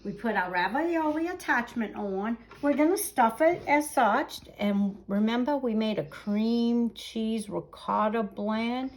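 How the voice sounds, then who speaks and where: A woman's voice: fairly high pitch, a little slow, hardly any pauses. A woman hosting a home cooking show, chatting in a folksy way through each step in a kitchen. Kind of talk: cooking show host presenting a demonstration. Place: indoor kitchen. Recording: echoey room with faint background noise.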